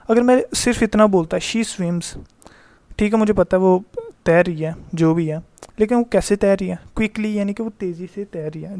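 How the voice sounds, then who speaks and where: Man slowly explaining grammar. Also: high voice, a little mellow. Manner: explains in Hindi mixed with English terms; reads English example sentences slowly and deliberately. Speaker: teacher. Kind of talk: voice-over grammar lesson.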